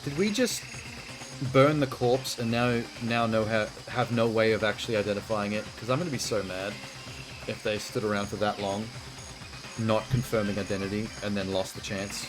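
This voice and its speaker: The man hosting this video game playthrough has a lowish voice and a flat delivery at a moderate pace. Game music plays underneath as he reads text from the game aloud. His casual commentary is blunt and exasperated, with blunt asides.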